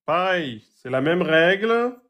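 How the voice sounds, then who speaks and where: A man teaching Quran recitation rules, patiently asking questions and repeating example words slowly. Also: sits high, expressive, dull audio. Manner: asks students rhetorical questions. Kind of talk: tajwid lesson, explaining a page.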